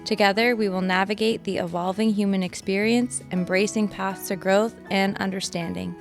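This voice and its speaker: A woman co-hosting a podcast who leads a guided breathing exercise in a calm, soothing way. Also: mid-range voice, moderate pace. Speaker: podcast co-host. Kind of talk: guided breathing and intro narration. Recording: faint music underneath.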